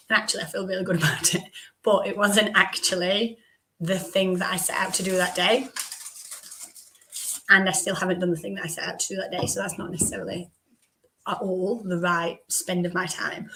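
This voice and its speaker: A woman hosting a live business stream, her voice croaky from recovering, chatting with asides to her viewers. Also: mid-range voice, fairly bright tone, a little hiss or hum. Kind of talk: casual live-stream talk.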